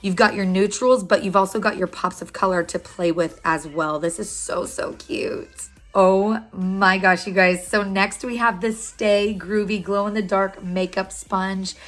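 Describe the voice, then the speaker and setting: A woman beauty vlogger unboxing a makeup collection, talking in a gushing, excited way. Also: mid-range voice, unhurried, few pauses.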